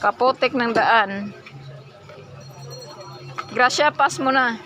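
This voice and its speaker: A woman's voice: a little high, slow pace. A woman vlogging casually while shopping at an outdoor market, chatting and bantering with the vendors. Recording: busy market crowd and traffic noise.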